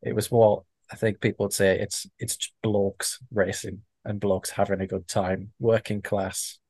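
A man's voice: on the low side, flat delivery, measured pace, darkish tone, no room sound. A man co-hosting a motorsport podcast in casual chat, joking and laughing as he talks. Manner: jokey, laughs between lines. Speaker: podcast co-host.

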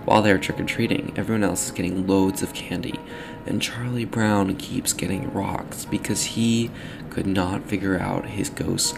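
A young man hosts a casual solo podcast in a deep, gravelly voice, rambling haltingly and correcting himself as he goes. His microphone gives the sound a slightly metallic, robotic quality.

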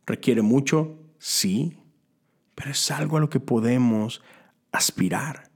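A man's voice: mid-range voice, takes it slowly, vocal fry, husky. A man gives a conversational sermon as a Methodist preacher, asking rhetorical questions and adding casual asides.

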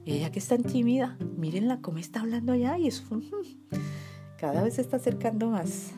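A woman from Colombia, telling a story softly and sometimes dropping to a whisper, over guitar music. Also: fairly high pitch, animated, moderate pace. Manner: soft, intimate, drops to whispers. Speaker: narrator. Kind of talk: storytelling narration. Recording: guitar music playing behind.

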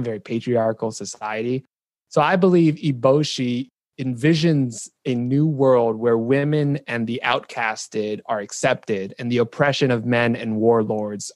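A man presents his argument in a relaxed podcast chat, earnest and steady, building his point at length. His voice sits in a middle register. The recording is dry and close. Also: mid-range voice, no echo. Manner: earnest, argues a case at length. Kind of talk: casual debate chat.

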